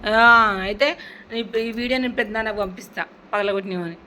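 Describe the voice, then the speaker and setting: A woman's voice: mid-range voice, quick pace, fairly bright tone, slight background noise. A woman, teasing and coaxing a kid after a prank, pressing him with questions. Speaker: prank vlogger. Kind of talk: casual teasing chat.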